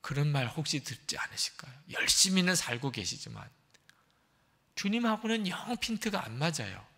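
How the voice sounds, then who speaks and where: A man's voice: a little high, big pitch swings, normal speed, sharp tone. A man preaching a sermon as pastor in a church sanctuary, telling stories in an earnest, emphatic way. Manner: earnest, emphatic storytelling with dramatic shifts. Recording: reverberant church hall.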